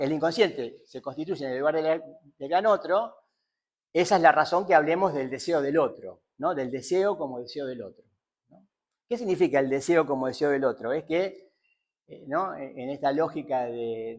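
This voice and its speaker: A man giving a seminar lecture on psychoanalysis, thinking aloud with many fillers and repeated tag questions. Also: on the high side.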